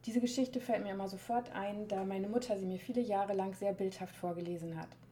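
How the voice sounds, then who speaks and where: A woman introducing and reading a children's Christmas story aloud, lively, with voices for the characters. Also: medium pitch, a little fast, slight background noise.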